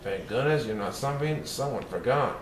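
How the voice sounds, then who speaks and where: A man's voice: mid-range voice, expressive, brisk, close to an everyday voice. A man doing the Cat in the Hat, bouncy. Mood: playful. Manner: sing-song, bouncy, swooping delivery. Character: playful mischievous male cartoon cat storyteller. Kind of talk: rhyming storybook reading. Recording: roomy echo, faint hiss.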